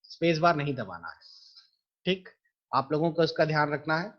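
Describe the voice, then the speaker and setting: Male computer teacher for a screen-recorded lesson, patient and methodical, somewhat higher voice, muffled home mic. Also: lively intonation, normal speed. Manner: patient, explains step by step to students.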